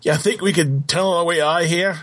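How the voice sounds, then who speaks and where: A man's voice: on the high side, quick pace, fairly bright tone. Wry man playing a tabletop game. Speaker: player. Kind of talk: casual tabletop play.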